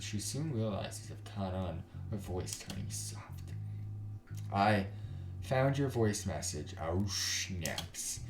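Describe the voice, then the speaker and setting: A gaming YouTuber reads a visual novel aloud dramatically, switching into character voices and adding his own commentary. His voice is lowish and darkish with vocal fry, and the recording has a roomy echo over guitar music.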